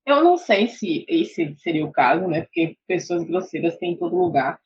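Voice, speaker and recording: A Brazilian woman co-hosting an interview, asking measured, thoughtful questions with frequent hedges. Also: on the low side, sing-song, a little mellow, husky, no echo, muffled recording. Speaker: podcast co-host.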